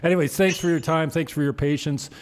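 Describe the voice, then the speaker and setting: A man's voice: a little high, steady tone, quick pace, a little hiss or hum. A man hosting an interview, chatting loosely and joking with his guest. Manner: joking, rambling. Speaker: host. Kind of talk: casual interview chat.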